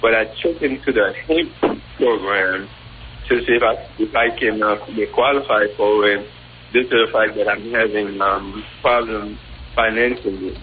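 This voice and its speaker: A man's voice: on the low side, slight background noise. Man on a muffled, underwater-sounding phone line. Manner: halting, many ums and restarts. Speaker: caller. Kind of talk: call-in radio question.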